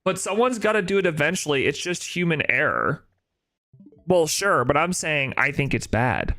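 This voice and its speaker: Bright-voiced young man streaming. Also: on the high side, big pitch swings, normal speed, faint music behind. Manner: opinionated, talks back to chat with rhetorical "right?". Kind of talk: casual live-stream chat.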